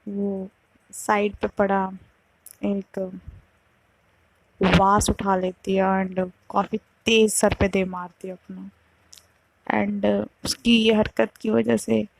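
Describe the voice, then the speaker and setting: A woman's voice: mid-range voice, gravelly, rough recording. A woman casually narrating a love story, tying events together with "then she says".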